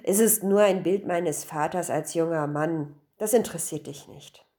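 A woman's voice: on the low side, moderate pace, warm tone, lightly acted. Lady doing an earnest young husband, storybook tale.

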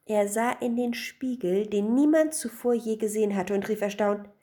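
A woman narrating a fairy tale in an expressive reading voice. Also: mid-range voice, moderate pace. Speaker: storyteller. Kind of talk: scripted storybook narration.

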